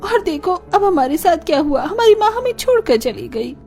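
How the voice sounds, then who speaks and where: Young married daughters in a cartoon talk in high, emotional voices, all done by one woman. Their delivery is pleading and earnest. Soft music hums faintly behind them. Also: moderate pace, close to an everyday voice. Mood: tearful. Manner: pleading, tearful and heated by turns. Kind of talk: animated story dialogue.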